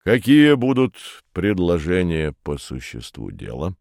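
Guy putting on a ponderous old committee boss, deep and slow, ums and grunts, storybook. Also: wildly swooping pitch, creaky, darkish tone, no room sound, clean studio sound, exaggerated voice. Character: pompous heavy old male committee chairman.

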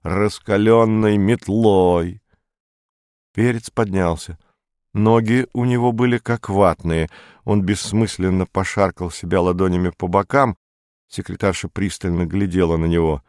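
A man narrating a story as an audiobook in an even, measured manner. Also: sits low, no room sound, clean studio sound.

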